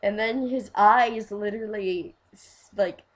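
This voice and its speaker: A woman in casual fan chat, rambling and gushing, full of fillers, swinging from quiet asides to loud bursts. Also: mid-range voice, steady tone, unhurried. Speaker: fan vlogger.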